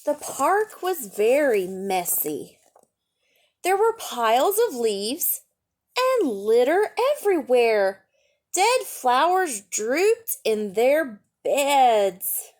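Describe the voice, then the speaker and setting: Playing the role of a storytime teacher, a woman with a fairly high voice reads to kids, pausing to explain gently and pose questions along the way.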